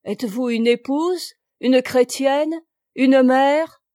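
A woman's voice: a little high, expressive, moderate pace, mellow, no room sound, studio quality. A woman reading the part of a stern, furious male country priest, with a fierce, scolding, preachy delivery.

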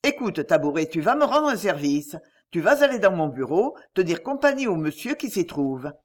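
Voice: mid-range voice, big pitch swings, normal speed. A reader of a French crime novel voicing a young police inspector who urgently asks a friend for a favor. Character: young male police inspector, quick and scheming.

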